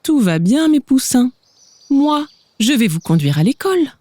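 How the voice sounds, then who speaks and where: A woman voicing a sly, smooth-talking male fox in a children's storybook. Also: a little high, sing-song, normal speed, a little mellow, no echo. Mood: coaxing. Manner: coaxing, wheedling.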